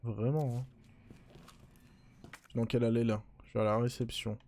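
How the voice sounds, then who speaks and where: A man's voice: mid-range voice, little pitch movement, warm tone, a little hiss or hum. A young man casually commenting as he plays a horror game, muttering to himself and cracking jokes. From France. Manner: chatty, muttering to himself, quick to joke. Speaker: let's play streamer.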